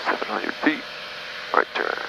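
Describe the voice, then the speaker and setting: A man flying a small plane, talking through his cockpit headset intercom in calm, clipped radio phrasing. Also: measured pace. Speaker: private pilot. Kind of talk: flying vlog with radio calls and checklists. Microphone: aviation headset. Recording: muffled intercom with engine noise.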